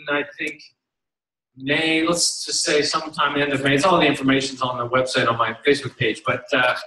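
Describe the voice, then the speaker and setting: A man's voice: on the high side, bright, forceful tone. A middle-aged man giving an emphatic motivational stage speech to coaches, repeating his slogan and acting out voices in his stories. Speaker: company executive addressing coaches. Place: large hall, on stage. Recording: echoey hall, voice from far off.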